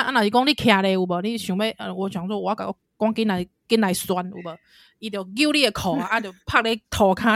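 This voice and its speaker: Animated Taiwanese woman telling stories. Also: mid-range voice, no echo, studio quality. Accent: Taiwanese Mandarin. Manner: animated storyteller, laughs a lot, acts out a crying child. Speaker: podcast co-host, mother. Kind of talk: casual chat.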